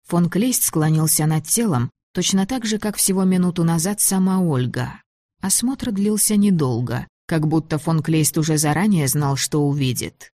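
Low-voiced woman reading an audiobook. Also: no room sound, studio quality. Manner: measured, even reading. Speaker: audiobook narrator. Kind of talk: audiobook narration.

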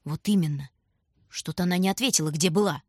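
A woman voicing a grim young girl who speaks quietly, firmly and curtly. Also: on the low side, fast talker, husky, dry recording, clean studio sound. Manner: quiet, firm, curt.

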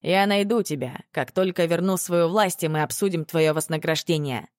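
A woman voicing a cold, commanding, bodiless male dark lord in an audiobook, speaking in a clipped, imperious way. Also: on the low side, moderate pace, dry recording, studio quality, natural voice. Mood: menacing. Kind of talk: audiobook character reading.

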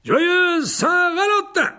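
A vain, flamboyant wizard teacher from a storybook, exclaiming theatrically in a very high voice. The pitch leaps about a lot, and the tone is bright with a gravelly rasp. He gushes and laughs at his own jokes. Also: very animated, measured pace, exaggerated voice. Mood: gushing.

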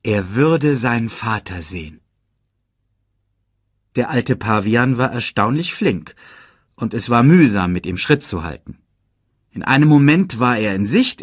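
A man reading a children's storybook aloud in an expressive, dramatic way. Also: mid-range voice, husky, no room sound, clean studio sound. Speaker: audiobook narrator.

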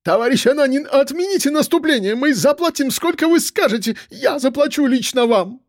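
A man's voice: animated, fairly quick, no room sound, studio quality. A man voicing a panicking pudgy male businessman who shrieks and pleads. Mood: pleading. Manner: hysterical, pleading, shrill.

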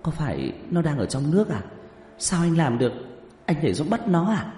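A dazed young woman asking tense questions in a raised, lively voice, put on by a male narrator. She is a nervous storybook figure. The recording has a long, roomy echo. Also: on the high side, a little fast, pitched above the performer's own voice.

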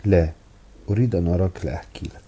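A brisk, outspoken young university woman who talks without letting anyone cut in, voiced by a male reader. The voice stays low with a deep, dark tone. A faint hiss sits underneath. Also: lightly acted. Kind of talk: audiobook character reading.

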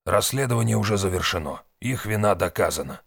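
A man's voice: on the low side, expressive, brisk, gravelly, a bit bright, husky, no echo, studio quality, heavily acted. A man voicing a shrewd, weary old man who speaks grimly and curtly. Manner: grim, curt.

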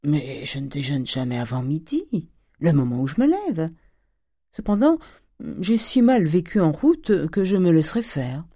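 A woman reading an audiobook, voicing a flattering young male Parisian dandy in an airy, coquettish way. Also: sits low, measured pace, no room sound, studio quality, exaggerated voice.

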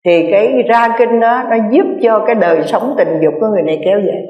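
A Buddhist nun delivers an earnest sermon, repeating key phrases for emphasis and speaking straight to her listeners. Her mid-pitched voice rings through a roomy hall with a long, trailing reverb. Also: quick pace, lo-fi sound. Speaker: Buddhist nun giving a dharma talk.

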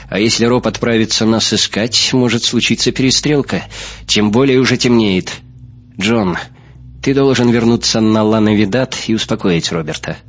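A man reads as a young woman ship captain, wry and brisk, who gives orders in a commanding tone. His voice sits a little low and sounds husky. The recording is muffled and lo-fi.

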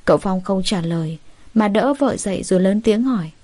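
A woman narrating a family drama in an expressive, dramatic way. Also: mid-range voice, a little fast, no room sound. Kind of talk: storytelling.

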